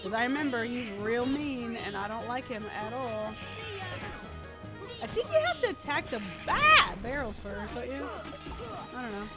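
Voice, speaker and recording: Excitable high-voiced woman gamer. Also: moderate pace, over loud music. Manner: excitable, chatty, shrieks and laughs at the game. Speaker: gamer playing through a game. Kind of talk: casual let's play commentary.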